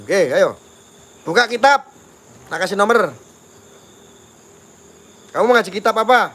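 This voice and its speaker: A man's voice: high voice, a bit bright. A man with a Javanese accent, ranting on a live stream and repeatedly taunting viewers to phone him.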